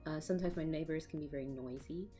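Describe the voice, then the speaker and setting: An art vlogger with a cold records a casual voiceover for her speed paint on a laptop mic at home, chatting with fillers and little laughs. Her voice is deep and warm, she talks fast, and faint music plays behind her.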